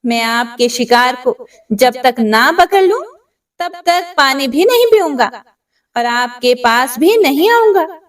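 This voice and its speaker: A woman's voice: high-pitched, animated, takes it slowly, far from the mic. A woman voicing a simple, determined hunter man who speaks eagerly and earnestly in a told story.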